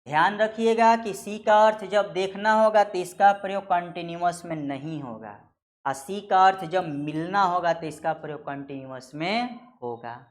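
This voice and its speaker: A man giving a grammar lesson, explaining slowly, repeating key words and reading out example sentences word by word. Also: high-pitched. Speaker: grammar teacher. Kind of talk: classroom lecture.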